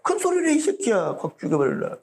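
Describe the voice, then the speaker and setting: A man's voice: high voice, huge pitch swings, moderate pace, a little mellow, exaggerated voice. A man voicing a swaggering young male street thug, coarse and threatening, as he acts out a scene in a sermon. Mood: menacing.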